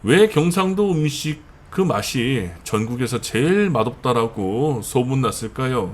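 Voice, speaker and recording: Chatty middle-aged man talking to camera. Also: medium pitch. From northern Gyeonggi and Seoul, South Korea. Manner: chatty, with fillers and emphatic repetition. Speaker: channel host. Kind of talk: monologue commentary.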